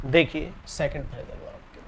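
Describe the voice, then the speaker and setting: A man with an Indian English accent teaching an exam-prep grammar lesson in Hindi. He reads the English example sentences slowly and deliberately and often repeats key words. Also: on the high side, fairly even intonation, vocal fry, slight background noise. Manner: repeats key words and ends points with "theek hai".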